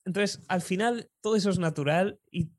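A young man with a Spanish accent, a public speaking coach telling lively anecdotes in an interview, chuckling often. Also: sits high, moderate pace, no room sound. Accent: Spain. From Spain.

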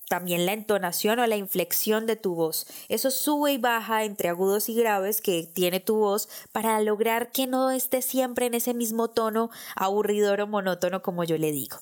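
A woman hosting a podcast, teaching public speaking in a clear, measured, explanatory way. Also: mid-range voice. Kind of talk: scripted podcast lesson.

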